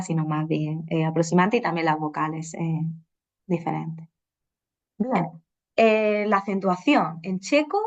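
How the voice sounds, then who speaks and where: A woman giving a talk as a language teacher, explaining at an easy pace with many "eh" fillers and questioning "¿no?" tags. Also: medium pitch. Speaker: Spanish teacher presenting. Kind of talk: conference talk with slides. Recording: dull lo-fi recording.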